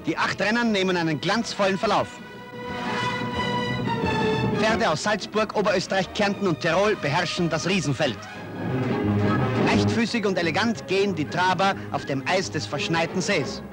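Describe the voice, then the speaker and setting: High-voiced man in an old newsreel. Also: expressive. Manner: formal, brisk announcer delivery. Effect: old 1950s newsreel narration. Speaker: newsreel announcer. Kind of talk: scripted newsreel commentary. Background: loud orchestral music.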